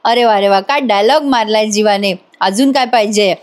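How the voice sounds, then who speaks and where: A woman's voice: medium pitch, moderate pace. A woman giving a casual voice-over review of a TV serial, chatting and addressing the viewers directly.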